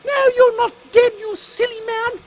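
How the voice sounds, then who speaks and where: A man's voice: very high voice, fairly even intonation, unhurried. A man voicing a haughty, commanding English queen in a steampunk audio comedy. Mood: irritated, scolding. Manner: pompous, regal, commanding. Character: imperious, brisk Queen Victoria, haughty older British woman.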